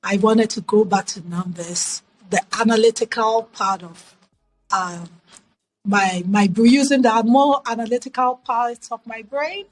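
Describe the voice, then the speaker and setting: Faint music plays behind a middle-aged woman whose Ghanaian accent and slightly high voice come through a low-quality recording. As an interview guest, she reflects on her life with measured pacing and emphatic repetition.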